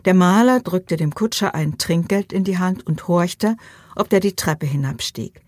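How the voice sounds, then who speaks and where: A woman narrating an audiobook in a calm, even storytelling manner. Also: lowish voice, unhurried, no echo. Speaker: audiobook reader.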